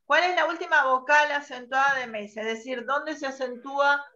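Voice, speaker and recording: A woman teacher leading an online class, patiently quizzing students and spelling out sounds slowly. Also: high voice, fairly even intonation, sharp tone. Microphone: video call. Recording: muffled online call audio.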